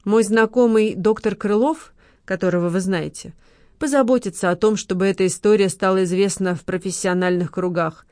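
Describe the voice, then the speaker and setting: A woman voicing a calm, polite, scheming marquis who speaks in a measured, matter-of-fact way. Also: high-pitched, clear, resonant tone, no room sound, clean studio sound. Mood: calm, courteous.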